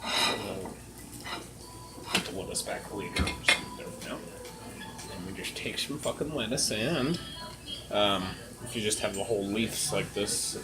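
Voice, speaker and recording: A man's voice: lowish voice, rough recording. A man talking casually while he works in a kitchen, laid-back, muttering and swearing freely. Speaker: cooking helper doing the chopping. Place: kitchen, indoors. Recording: loud music and clattering cutlery behind.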